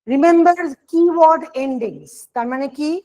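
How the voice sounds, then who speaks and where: High-voiced woman teaching grammar. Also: fairly quick, mellow. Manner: explains step by step, asks and answers her own questions. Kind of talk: online exam-prep grammar lesson.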